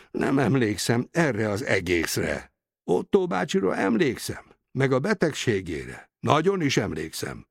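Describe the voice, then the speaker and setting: A man's voice: mid-range voice, vocal fry, husky, no echo, full character voice. A man voicing a dry, wry male doctor in an audiobook, given to muttering. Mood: puzzled.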